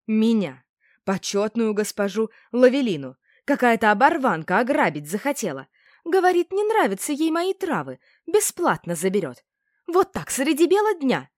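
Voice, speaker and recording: A woman voicing a scheming old female herb seller who wails loudly and indignantly, in an audiobook. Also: on the high side, very animated, normal speed, no echo, clean studio sound, voice pushed up. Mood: shrill wailing. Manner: loud, wailing and indignant.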